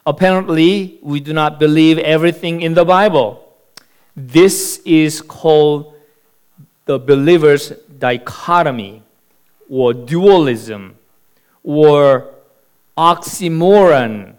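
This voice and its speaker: A man preaching a sermon as pastor, telling a joke in a slow, deliberate storyteller's manner. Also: on the high side, clean tone.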